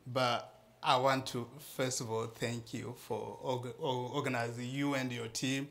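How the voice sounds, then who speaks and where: A man's voice: mid-range voice, level tone, measured pace, creaky, a bit bright. A man, giving an earnest speech to a live audience, laughing often and restarting his phrases. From Eastern Democratic Republic of Congo. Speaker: founder of a charity speaking at an event.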